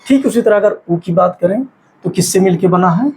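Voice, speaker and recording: A man's voice: high-pitched, moderate pace, a little mellow, a little hiss or hum, low-quality recording. A man teaching an exam-prep grammar lesson. He asks questions and answers them himself, and he stretches out vowel sounds to show them. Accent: Hindi-speaking north Indian.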